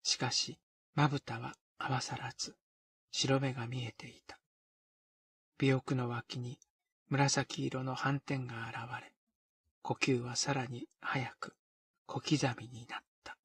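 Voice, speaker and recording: A man reading a period novel aloud in a measured, deliberate way. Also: medium pitch, little pitch movement, a bit bright, slightly rough, dry recording. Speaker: narrator. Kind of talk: scripted narration of a period novel.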